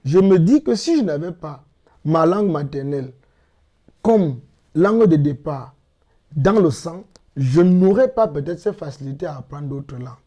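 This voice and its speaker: Interviewed as a guest, this middle-aged Cameroonian language teacher speaks in an animated way, his warm, mellow voice pitched a touch high for a man. He lays out his points patiently and methodically, driving them home by repeating key phrases.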